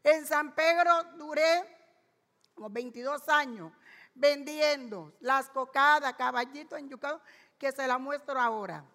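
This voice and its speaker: An older woman from Palenque in Colombia with a Caribbean coast accent, telling stories of her life as a street vendor with lively energy. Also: high-pitched, unhurried. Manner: energetic, animated storyteller. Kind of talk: lively storytelling interview. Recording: long echoing reverb.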